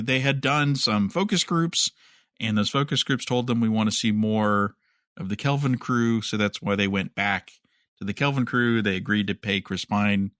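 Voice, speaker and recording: Co-hosting a podcast, a man casually talks through the news with a wry, skeptical manner. His voice is fairly low in pitch and fairly bright, captured with clean studio sound and no echo.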